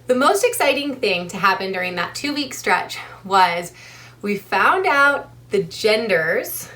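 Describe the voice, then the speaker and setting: A young woman chats to her camera in a casual vlog, her voice sitting at a middling pitch. She runs short of breath as she talks and fills the gaps with frequent ums, keeping an easy, chatty flow. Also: sharp tone. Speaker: vlogger.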